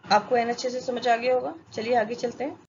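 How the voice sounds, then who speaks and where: A woman with an Indian accent teaches English grammar, answering her own questions and checking that students follow. Her voice is a little high, brisk and darkish with little pitch movement, in dull lo-fi sound with faint ambience and a little hiss or hum.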